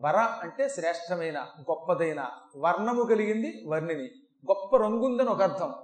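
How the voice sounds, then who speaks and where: A man with a fairly high voice delivers a devotional discourse on scripture. He tells it in an animated way, shifting his voice to dramatize the verses, and his voice carries with a roomy echo. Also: moderate pace. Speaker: Puranic discourse speaker. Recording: echoey hall recording.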